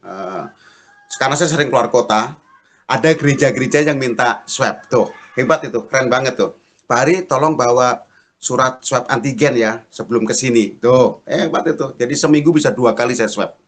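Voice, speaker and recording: A middle-aged male pastor preaching a sermon, telling a story and acting out the dialogue in raised voices. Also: moderate pace. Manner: lively storyteller, acts out dialogue in high voices.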